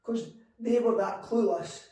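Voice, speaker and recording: A man in his forties telling his story in an interview, animated and acting out quoted conversations. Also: high-pitched, unhurried. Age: 40s. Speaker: guest entrepreneur. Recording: echoey room, mic at a distance.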